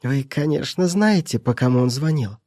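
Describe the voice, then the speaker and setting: A spiteful, gossiping old housekeeper, put on by a man, needling slyly in a raised, thin voice. The tone stays dark underneath and the recording is dry. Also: mid-range voice, animated, moderate pace, dry recording, pitched above the performer's own voice, close to an everyday voice. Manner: sly and needling.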